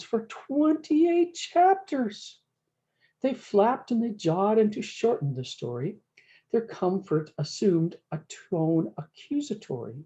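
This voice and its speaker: In a muffled recording, a woman storyteller with a fairly low pitch and dark tone gives a folksy reading of a rhyming picture book in cowboy dialect, lengthening words for emphasis.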